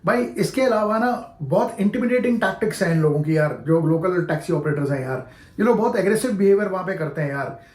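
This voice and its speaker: A man's voice: high-pitched, lively intonation, fast, darkish tone. A man, talking casually to his viewers as a travel vlogger, often calling them "yaar" and "bhai" and slipping into English phrases. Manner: chatty, peppers speech with "yaar" and "bhai", mixes in English phrases. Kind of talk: casual explanatory vlog. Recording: echoey room.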